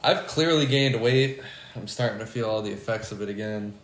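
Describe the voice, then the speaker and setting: A young man hosting a casual podcast chat in a studio, joking and laughing loudly with his co-hosts. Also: lowish voice, a little fast, echoey room. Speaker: podcast host.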